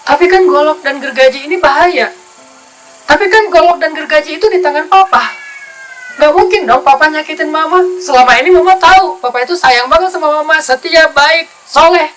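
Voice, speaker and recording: Guy doing a shrill panicky wife voice, way higher than his own, loud and pleading. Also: a little fast. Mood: reassured. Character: panicking young wife on a sinking ship.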